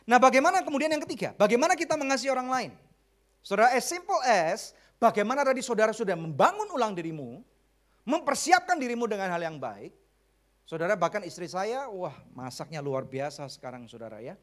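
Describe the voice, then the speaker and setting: A middle-aged man with an Indonesian accent preaches a sermon as a pastor. His voice sits a little high, and his delivery is lively and conversational, mixing jokes and English phrases into the preaching. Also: a little fast.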